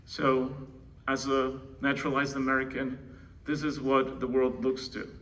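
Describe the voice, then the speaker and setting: A Czech man with a Czech accent gives an informal speech introducing his co-founder in an indoor conference room. His medium-pitched voice is completely flat, a little slow, and fairly bright. The distant mic catches faint noise and room ambience.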